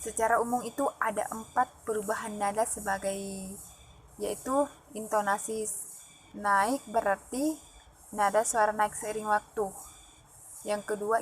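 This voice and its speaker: A woman presenting phonology material as a student, reading her notes aloud and pausing often with fillers and restarts. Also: medium pitch, a little hiss or hum, poor audio. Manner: halting, with frequent "eh" fillers and restarts. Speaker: student presenting an exam assignment.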